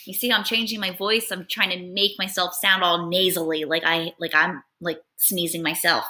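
A woman's voice: fairly low pitch, flat delivery, moderate pace, bright, forceful tone. A young woman teacher reading a picture book aloud in a patient, step-by-step lesson, sounding out words.

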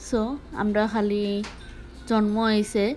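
A woman's voice: medium pitch, completely flat delivery, slow pace, darkish tone, soft background music. A young woman from Sylhet with a Sylheti Bengali accent, talking frankly to her viewers in a casual vlog, mixing in English words. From Sylhet, Bangladesh. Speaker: vlogger. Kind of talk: casual talk to camera.

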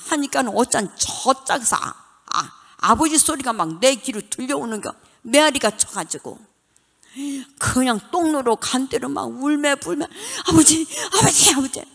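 Older woman, church testimony, lively swooping pitch, long reverb of a church hall. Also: measured pace, gravelly. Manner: animated storytelling, dramatic retelling of childhood. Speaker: church deaconess giving testimony.

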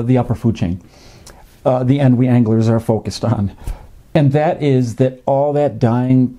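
A middle-aged man with a very dark, mellow timbre talks through a nature lesson at a steady, measured pace. He pauses often with "uh" and "um" while he explains. He is recorded at his desk in a home office. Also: medium pitch. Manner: measured, explanatory, with frequent uh fillers. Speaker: fishing educator. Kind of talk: educational narration. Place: home office with a desktop computer.

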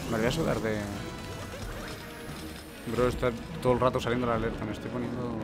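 Jittery Spanish streamer mid-speedrun. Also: male voice, medium pitch, little pitch movement, fairly quick. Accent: Spain Spanish. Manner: nervous, swearing chatter while playing, bursts of frantic yelling. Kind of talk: live speedrun commentary. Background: game music.

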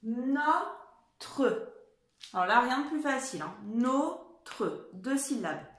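A woman's voice: fairly high pitch, lively intonation, fast, fairly bright tone, echoey room. A woman teacher giving a dictation lesson to young children, patiently spelling out words letter by letter. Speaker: primary school teacher.

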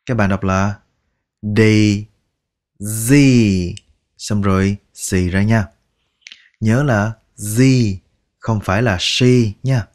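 A male English teacher with a low-pitched voice leads a slow, unhurried pronunciation lesson. He repeats each word slowly and draws out the sounds, patient and coaxing, finishing phrases with soft particles.

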